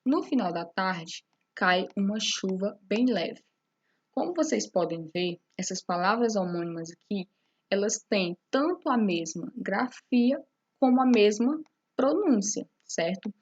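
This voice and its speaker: A woman's voice: mid-range voice, lively intonation, measured pace, darkish tone, breathy edge, dull audio. A woman teacher explaining a lesson step by step, often checking in with her students. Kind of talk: recorded classroom lesson.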